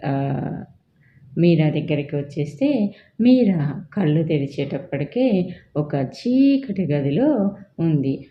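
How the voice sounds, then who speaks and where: A woman narrating her own audiobook story in a conversational way, sometimes correcting herself. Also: low voice. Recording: dull lo-fi recording.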